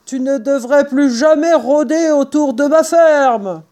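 A woman's voice: high-pitched, slow pace, voice pushed up. A woman voicing a fat, hot-tempered male farmer who bellows his angry lines. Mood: angry bellowing. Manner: bellowing, loud.

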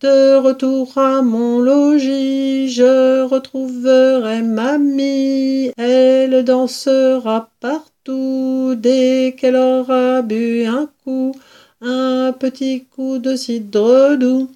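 A woman's voice: a little high, animated, dull audio. A woman reading a storybook aloud, voicing a jolly, boastful male fox who rallies his family and sings little songs. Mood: singing. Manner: shouting cheerfully, sings slow little songs.

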